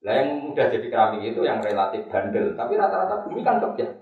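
An older man delivers an animated sermon, telling stories with chatty asides and reciting scripture verses in a slow chant. His voice rings through a very echoey room. He stands well back from the microphone. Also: medium pitch, phone-quality sound. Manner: animated storytelling, mixing Javanese and Indonesian, reciting Quranic verses. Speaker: Islamic preacher. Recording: roomy echo, distant mic.

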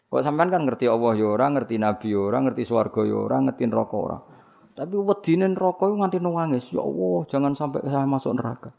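A man's voice: medium pitch, gravelly, a little mellow. A man with a Javanese accent giving a casual, joking religious sermon. He mixes in Javanese phrases and often laughs while he talks. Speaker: Islamic preacher.

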